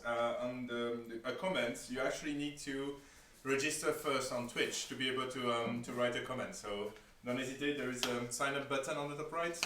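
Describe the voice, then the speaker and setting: A man's voice: mid-range voice, fairly even intonation, brisk, pushed and bright. A man with a French accent producing a livestream. He speaks hesitantly, with many fillers, as he talks to the viewers in the chat. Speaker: stream producer. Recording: distant, echoey, noisy crowd behind.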